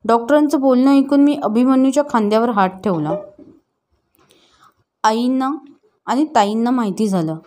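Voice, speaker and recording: A woman narrating an emotional family story in a calm, steady reading voice. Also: on the high side, brisk, few pauses.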